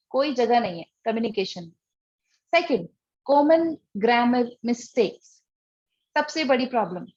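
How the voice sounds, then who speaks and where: A high-pitched woman teaches a spoken English lesson, her first language being Hindi. She explains each point in order, poses rhetorical questions and keeps checking in with her listeners. The audio is a little dull and lo-fi. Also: a little mellow, breathy edge. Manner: explains step by step with many rhetorical questions and "ठीक है" check-ins.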